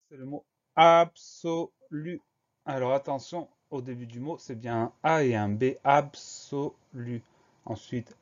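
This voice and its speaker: A young man teaches a spelling lesson at a mid pitch, spelling each word out letter by letter. His delivery is slow and careful, like classroom dictation. The recording sounds somewhat dull and lo-fi. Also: warm tone.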